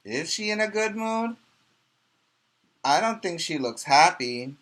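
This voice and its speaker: A male preschool teacher reads a picture book aloud slowly in a bright, forward, fairly high voice, stressing key words for young listeners. He's expressive and explanatory, putting questions to the children.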